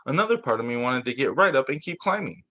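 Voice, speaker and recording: A man teaching young children reads storybooks aloud at a quick pace and medium pitch. He puts expression into it, now and then tripping up and repeating a phrase.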